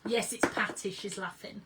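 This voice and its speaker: This is a woman hosting an informal craft livestream from her workroom, greeting viewers and reading comments with bubbly excitement. She has a medium-pitched voice and an unhurried delivery, set against heavy background noise.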